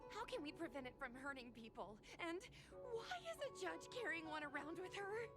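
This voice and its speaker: An actress voicing an excitable young woman who hunts ghosts in a game, eager and wide-eyed. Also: high voice, moderate pace. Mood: nervous polite. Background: game music.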